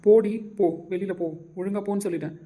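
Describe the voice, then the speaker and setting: A man playing a desperate young husband who pleads and shouts in an amateur audio drama. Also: sits high, little pitch movement, fast. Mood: angry.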